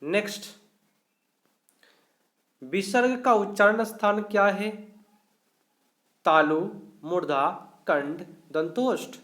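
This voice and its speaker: A man teaching a live online grammar class, going through each question slowly and explaining every answer step by step. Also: sits high, a bit bright. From India.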